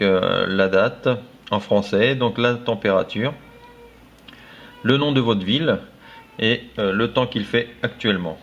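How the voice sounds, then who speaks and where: A man with a fairly low voice talks through a screen-recorded demo of phone themes in a relaxed, friendly manner. He pauses often and leans on fillers as he goes. The recording sounds dull and lo-fi. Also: slight background noise. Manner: halting, filler-heavy, friendly. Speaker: tech blogger demoing phone themes. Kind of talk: casual screen-recorded walkthrough.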